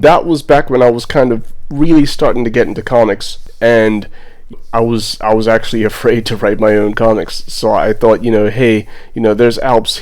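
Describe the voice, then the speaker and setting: A man's voice: mid-range voice, a little mellow. A man with a Bermudian accent giving casual, rambling vlog commentary as an artist, in a laid-back, self-deprecating way. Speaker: digital artist and vlogger.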